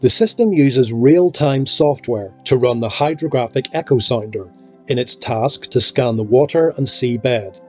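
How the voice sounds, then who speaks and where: A man reading scripted documentary narration in a measured, explanatory way. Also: mid-range voice, a little mellow, slightly rough. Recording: voice-over with faint music behind.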